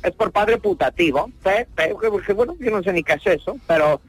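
An actor playing an earthy, flustered Catalan peasant in a radio comedy sketch, rambling and stammering apologetically. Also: male voice, high-pitched, lively intonation, moderate pace, breathy edge, no room sound. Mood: earnest, muddled.

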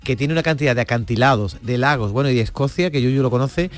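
A man's voice: mid-range voice, fast talker. A man on a casual radio talk, enthusiastically recommending and asking questions.

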